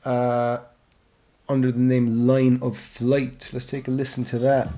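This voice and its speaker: A man's voice: mid-range voice, little pitch movement, unhurried, mellow. A man narrating music history in a casual, chatty way, acting out quotes. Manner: chatty, acts out quotes in mock voices.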